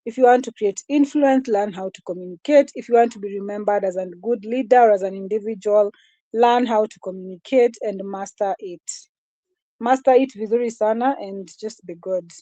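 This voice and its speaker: A woman with a small, mellow, medium-pitched voice speaks at normal speed as a guest speaker in a live session, giving an earnest motivational talk. She is repetitive and mixes Swahili into her English. The audio has no room sound, and the highs are cut off.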